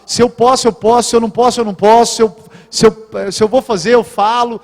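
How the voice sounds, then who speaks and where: A man's voice: very high-pitched, fast. A man with a Brazilian Portuguese accent, a pastor giving a live sermon in a church and telling personal stories while acting out the dialogue. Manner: lively storytelling, acting out dialogue. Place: church hall. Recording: reverberant church hall.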